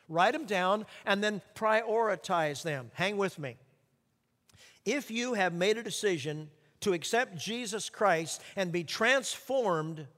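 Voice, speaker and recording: A man's voice: a little high, fairly bright tone. Urging male pastor in a reverberant hall. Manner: direct, urging the listeners. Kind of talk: sermon.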